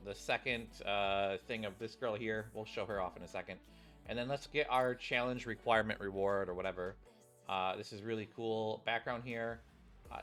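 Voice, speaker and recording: On the low side and a bit bright, a male streamer's voice carries informal, rambling game commentary directed at his viewers. He also reads story text aloud, with game music in the background.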